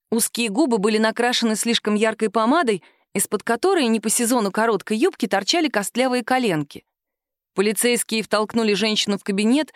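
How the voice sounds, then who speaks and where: A woman narrating a detective story in a lively, expressive reading. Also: a little high, no room sound, studio quality. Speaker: audiobook narrator.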